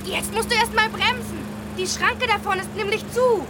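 An actress in a children's audio drama playing a cheerful, sensible young child who gently chides a friend. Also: female voice, extremely high pitch, normal speed. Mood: chiding. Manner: lively, gently chiding. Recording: clear background ambient noise.

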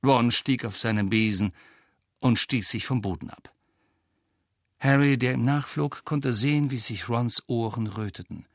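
A man reading a novel aloud as an audiobook narrator, with expressive storytelling. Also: mid-range voice, measured pace, dry recording, studio quality. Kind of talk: scripted narration.

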